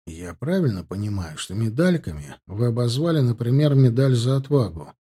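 Brief: a man doing a young soldier, cool and composed, cutting words, mellow voice. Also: medium pitch, lively intonation, fairly quick, slightly rough. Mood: cold. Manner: cold, composed, pointed.

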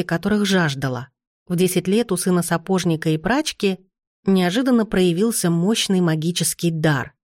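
A woman narrating a fantasy audiobook in the first person with calm, measured reading. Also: fairly low pitch, no room sound, studio quality.

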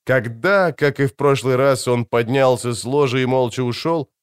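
A man narrating an audiobook in an expressive storytelling manner. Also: medium pitch, moderate pace, smooth, dry recording, studio quality. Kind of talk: scripted narration.

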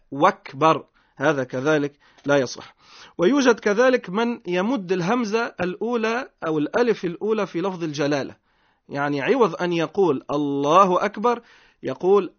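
Earnest Tunisian man, higher voice, lo-fi. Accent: Tunisian Arabic. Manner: emphatic, earnest, slow and deliberate at prayers. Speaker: religious teacher on a radio program. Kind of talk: religious radio lesson. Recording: dull lo-fi recording.

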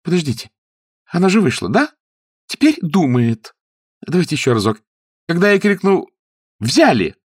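A man voicing an eager, excitable young woman in a read-aloud story. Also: fairly high pitch, moderate pace, pauses often, no echo, clean studio sound, pitched above the performer's own voice. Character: bright, eager young woman, the earl's niece.

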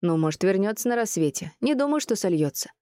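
A woman's voice: medium pitch, sing-song, fast talker, mellow, no echo, clean studio sound, voice pushed up, lightly acted. A woman voicing a cheerful, teasing middle-aged female friend with a playful, slangy way of talking.

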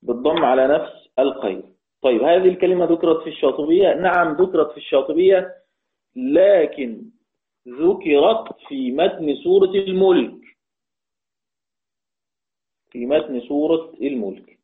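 A man with an Egyptian Arabic accent teaches Quran readings in an online class. His voice sits a little high, and he asks the class questions and answers them himself. He slows down to chant each quoted verse, and the audio is thin and phone-like, as over a call.

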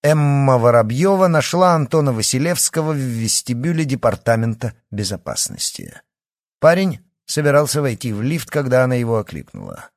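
A man giving expressive, dramatic scripted audiobook narration. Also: mid-range voice, moderate pace, no echo, clean studio sound.

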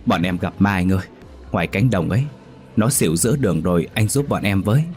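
A man voicing a cocky young man who talks roughly and teases his scared friend in a narrated ghost story. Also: low voice, quick pace, darkish tone, soft background music, natural voice. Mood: desperate. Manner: brash, teasing, rough-talking.

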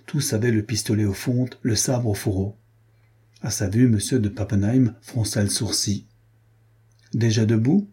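Low, husky-voiced man for historical novel narration; dark tone, even pacing. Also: normal speed. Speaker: audiobook narrator.

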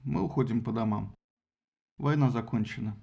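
A man's voice: medium pitch, moderate pace, creaky, warm tone, dull audio, pitched below the performer's own voice, lightly acted. A man voicing Agamemnon as a tired, defeated commander resignedly ending a war in an audiobook.

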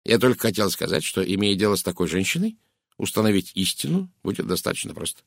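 Man voicing curt English spinster, audiobook; gravelly low tone, dry read, blunt and cutting. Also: big pitch swings, fast talker, dry recording, full character voice. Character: stern brusque middle-aged English spinster. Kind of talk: audiobook character reading.

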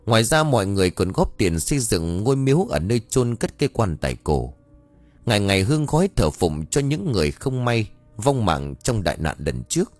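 A man narrating a scripted audiobook, reading in an expressive, dramatic way. His pitch rises and falls widely. The sound is dry and close, with faint music underneath. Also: a little fast, no room sound. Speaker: storyteller.

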